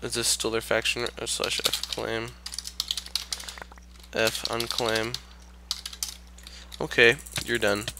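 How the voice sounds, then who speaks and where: A man's voice: mid-range voice, monotone, slow pace, creaky, pauses often, heavy background noise. A man hosting a gaming channel who sounds slightly sick, rambling casually and muttering to himself as he plays. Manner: rambling, talks to himself while playing. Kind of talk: casual gameplay commentary.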